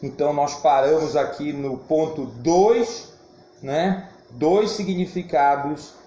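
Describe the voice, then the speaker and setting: A hoarse man teaching an adult Sunday school class, speaking emphatically and now and then shouting. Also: fairly high pitch, takes it slowly. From Brazil. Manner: animated, emphatic, occasional shouting. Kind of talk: church Bible class teaching. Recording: roomy, dull, faint hiss.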